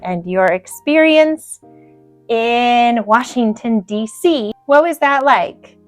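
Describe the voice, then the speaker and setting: An American woman gently prompting as interviewer in a casual family conversation. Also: on the high side, lively intonation, slow pace, soft background music. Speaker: interviewer, granddaughter.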